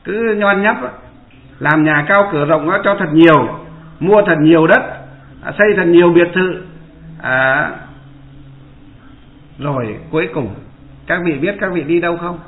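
A man's voice: on the high side, a little slow, long pauses. A man, a Buddhist monk giving a dharma talk and asking his listeners rhetorical questions. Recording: echoey room over a tinny line.

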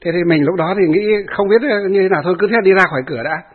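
Husky monk telling stories. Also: male voice, high-pitched, racing. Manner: animated storyteller who laughs along and addresses the audience. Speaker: Buddhist monk. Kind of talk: anecdotal storytelling sermon. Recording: tinny phone-like audio.

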